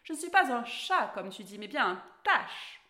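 A woman's voice: a little high, big pitch swings, normal speed, pushed and bright, echoey room. A woman voicing a proud, bossy talking cat in a storybook reading, scolding and haughty.

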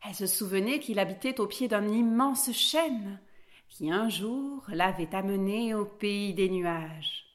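A woman reading a children's fairy tale aloud in an expressive, lilting way. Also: medium pitch, unhurried. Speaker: storyteller.

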